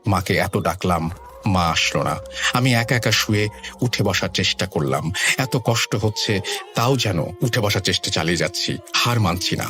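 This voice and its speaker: Deep-voiced man narrating horror. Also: animated, normal speed, sharp tone, faint music behind. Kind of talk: scripted horror story narration.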